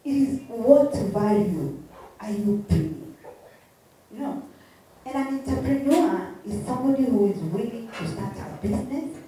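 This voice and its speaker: A mellow-voiced woman with a Kikuyu Kenyan accent speaks emphatically in a motivational interview style. She repeats her phrases and throws out rhetorical questions. The room is very echoey and the microphone sounds distant. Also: medium pitch, animated, a little slow. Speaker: interview guest, entrepreneur. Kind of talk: animated motivational interview talk. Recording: very echoey room, distant mic, faint noise.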